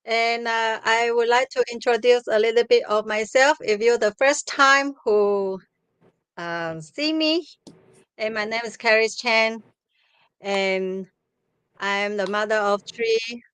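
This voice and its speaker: A woman, hosting a live stream from home over a video call, speaking haltingly with many restarts. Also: on the high side, fairly bright tone, clear, resonant tone, no echo. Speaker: host. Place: home room with bookshelves. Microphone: webcam on video call.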